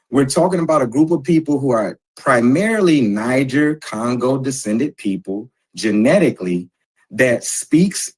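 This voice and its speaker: A man moderating a casual panel discussion, explaining points in a measured, lecturing way. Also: mid-range voice, darkish tone, husky, rough recording.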